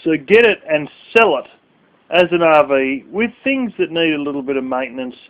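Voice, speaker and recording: Man, vlogger, sleepy, blunt, swearing, rambling, slightly high voice, tinny phone-like sound. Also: animated, moderate pace. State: sleepy, yawning late at night. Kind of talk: casual rant to camera.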